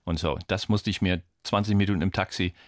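A man's voice: deep voice, steady tone, brisk, no echo, clean studio sound. A middle-aged American man, a comedian speaking German as a second language, telling stories animatedly and acting out voices, with frequent fillers. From United States. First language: English. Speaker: comedian guest. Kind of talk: casual radio interview chat.

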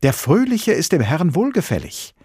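A man reading a story aloud and voicing a wide-eyed law student who preaches loudly during his exam. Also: mid-range voice, very animated, moderate pace, breathy edge, dry recording, studio quality, voice pushed up. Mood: fervent. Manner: loud, fervent, sermon-like declaiming.

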